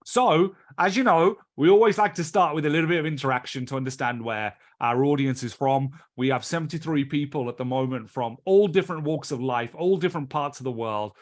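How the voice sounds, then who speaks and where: Running a live online training over video call, a British host teaches in a chatty, loose style, frequently restarting phrases. His voice is a little high and a little fast, with hardly any pauses.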